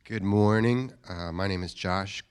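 Man, from the US, deep, smooth, friendly, introducing himself. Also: a little slow. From USA. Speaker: real estate investor. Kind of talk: self-introduction to a group.

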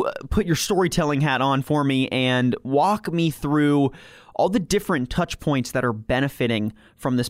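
A man's voice: mid-range voice, no room sound, clean studio sound. Stuffy-nosed male podcast host. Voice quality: nasal, stuffy nose. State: congested from allergies. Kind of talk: scripted intro and interview on a branded podcast.

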